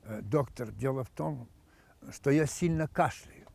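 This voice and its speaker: Man as a meek, quiet old patient. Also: medium pitch, gravelly, dry recording. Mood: meek, complaining. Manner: quiet, halting, repetitive. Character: meek, hesitant eighty-year-old male patient.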